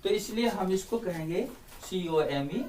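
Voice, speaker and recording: A man's voice: sits high, expressive, measured pace, darkish tone. An Indian man teaching a spelling lesson, switching between Hindi and English and repeating words to drill their sounds. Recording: distant mic, faint background noise.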